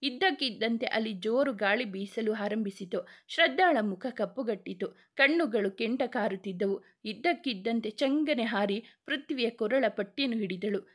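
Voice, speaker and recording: A woman tells a dramatic story in a fairly high voice. She reads it as a steady, scripted narration. She gives the characters' lines only small changes in her own voice. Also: moderate pace.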